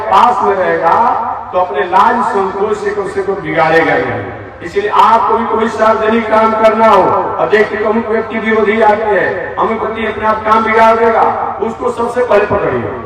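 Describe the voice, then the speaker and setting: A man preaches to a large crowd in a high, carrying voice. He slowly chants Sanskrit verses and then explains them plainly. His voice reaches the listener from a distance, heavy with echo from the loudspeakers. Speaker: religious preacher. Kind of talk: devotional sermon. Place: large outdoor religious gathering. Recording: echoey public-address sound from far off.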